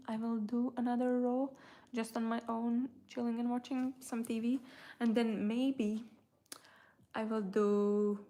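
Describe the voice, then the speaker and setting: On her casual crochet livestream, a Latvian woman with Latvian as her first language rambles in a fairly high, somewhat mellow voice. She hesitates and lets thoughts trail off partway through.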